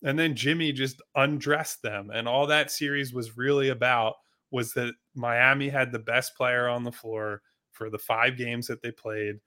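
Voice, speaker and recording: A man with a bright, forward voice makes his case on a sports podcast. He talks bluntly and emphatically, restarting sentences and swearing freely as he pushes his opinion. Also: mid-range voice, fairly even intonation, a little slow, few pauses. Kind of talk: casual sports debate.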